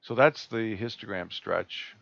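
A man presenting a live screen-share tutorial on a video call, talking in a relaxed, halting way with many fillers and restarts. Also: lowish voice, vocal fry, no echo. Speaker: astronomy club presenter. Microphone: computer mic on a video call. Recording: dull lo-fi video call audio.

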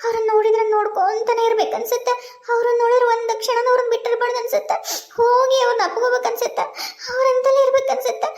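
A woman plays a heartsick young village girl in a North Karnataka Kannada cartoon, confiding through tears. High voice in an echoey room. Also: level tone, very fast, hardly any pauses. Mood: tearful. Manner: tearful, confiding.

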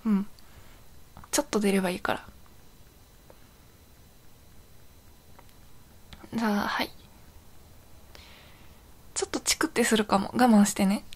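A woman's voice: mid-range voice, fairly even intonation, normal speed, close to an everyday voice. A woman playing a young, possessive yandere girlfriend in an intimate role-play audio drama, sounding sweet, clingy and eerily obsessive. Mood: soothing, eerie.

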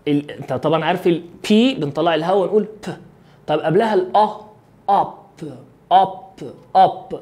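Egyptian male phonics teacher, mellow warm voice, patient repetition drills, friendly check-ins with the kid. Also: high voice. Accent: Egyptian Arabic. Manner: repeats sounds slowly and drills them; friendly, coaxing questions to the learner. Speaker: English teacher. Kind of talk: phonics lesson for children.

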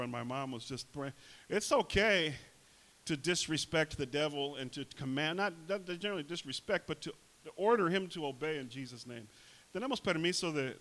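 A man's voice: a little high, fairly bright tone. A man pastor preaching a bilingual sermon in church, saying each point in Spanish and then again in English, acting out the quotes.

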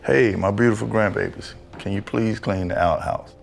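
A man's voice: fairly low pitch, steady tone, moderate pace, vocal fry, slight background noise. An actor playing a fond, easygoing grandfather in a comedy skit. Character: playful grandfather, older man. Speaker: grandpa and dad.

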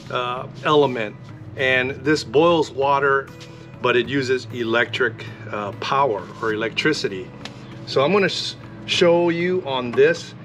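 A man vlogging a casual product demonstration, talking in a relaxed, rambling way with frequent fillers. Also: mid-range voice. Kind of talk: casual product demo vlog.

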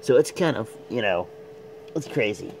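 Casual male vlogger with swinging pitch. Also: expressive, normal speed. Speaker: vlog host. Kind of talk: casual chat to camera. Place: small bedroom at home. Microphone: phone at arm's length. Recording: noisy phone recording in a room.

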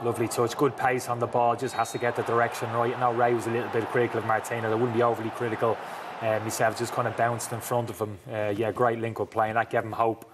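A man's voice: mid-range voice, monotone, fast talker. A middle-aged man analysing football match replays in an emphatic way as a pundit on a TV studio set, on a lapel mic. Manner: emphatic, talks over replays. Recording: TV studio with background noise.

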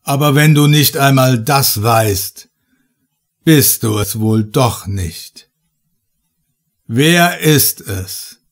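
A living stone idol of great age thunders and mocks in this horror audiobook, voiced by a man reading. Its words come slow and loud, cold and looming over the listener. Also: mid-range voice, animated. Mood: booming, scornful. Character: booming mocking ancient living stone idol.

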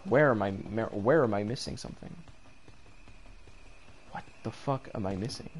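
Speaking at a fairly low pitch and moderate pace, this young gamer narrates his own gameplay let's-play style. He rambles in frustration and swears along the way, and background noise is audible in the recording.

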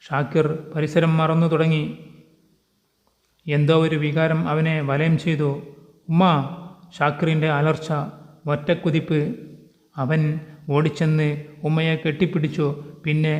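Man narrating a story, flat and steady. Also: fairly high pitch, unhurried, long pauses. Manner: even, steady reading with short phrases. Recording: long hall reverb.

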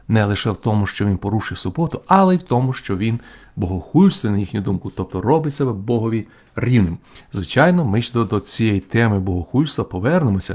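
A man, a church bishop, teaching a remote Bible study lecture in a measured, explanatory way, pausing often with "uh" while he works through the text. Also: fairly low pitch, darkish tone. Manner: measured, explanatory, frequent "uh" fillers while working through Greek.

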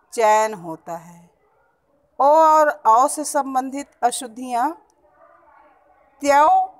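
Schoolteacher, woman, Allahabad-area Hindi accent, unhurried and fairly high, corrects spellings word by word. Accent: Hindi as spoken around Allahabad. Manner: explains step by step, repeats words slowly to correct them. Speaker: school teacher. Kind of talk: classroom lesson on pronunciation.

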